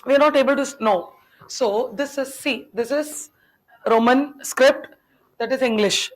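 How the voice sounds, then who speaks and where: In poor audio, a young adult woman with Tamil as her first language delivers a classroom lecture in a high, unhurried voice. She keeps throwing questions at her students and playfully teases them as she chats.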